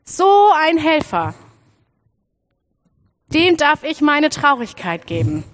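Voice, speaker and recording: Young woman, children's sermon, animated storytelling, high voice, swooping pitch. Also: slow pace, slight background noise. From Freiburg, Germany. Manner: animated storytelling, addresses listeners directly. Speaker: children's church speaker.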